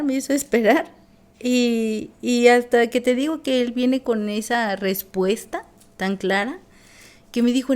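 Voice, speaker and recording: A woman's voice: a little high, darkish tone. A woman, a guest sharing a personal testimony in an earnest, reflective way, with many fillers.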